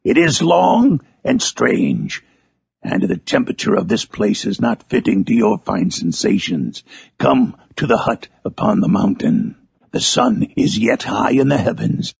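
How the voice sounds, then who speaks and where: A man voicing a wretched, eloquent monster in a Gothic novel, pleading with theatrical, archaic passion in a gravelly, raspy voice. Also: on the low side, huge pitch swings, measured pace, no room sound, full character voice. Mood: solemn, insistent. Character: wretched, eloquent, vengeful male monster pleading with his creator. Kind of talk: dramatic reading of a Gothic novel.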